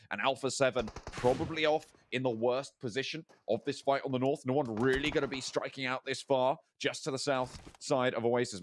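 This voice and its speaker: A man co-casting a live esports match, offering animated commentary and often repeating words as he thinks aloud. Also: mid-range voice, a little hiss or hum.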